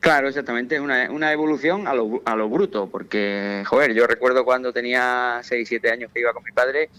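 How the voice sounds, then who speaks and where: A middle-aged man with a Spain Spanish accent, talking as a guest angler over a telephone line in a casual chat, halting and repeating his words. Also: mid-range voice, a bit bright. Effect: heard over a telephone line. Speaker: guest angler interviewed on a radio show. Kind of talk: casual phone interview.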